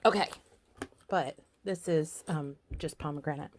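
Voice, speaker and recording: A woman vlogger chatting casually through an unboxing in her home office, gushing and excitable, with lots of "um"s. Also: sits low, measured pace, noisy background. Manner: gushing and excitable, many fillers.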